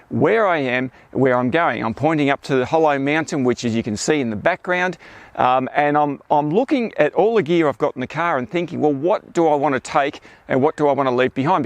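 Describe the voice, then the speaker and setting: A man's voice: a little high, dry recording. Male photographer-vlogger, self-deprecating, casual, dry sound. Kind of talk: casual storytelling vlog.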